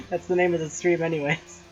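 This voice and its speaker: A woman's voice: on the low side, muffled recording. A giggly, teasing woman chatting casually as she streams a game with friends. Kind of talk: casual chat while playing a voiced game aloud.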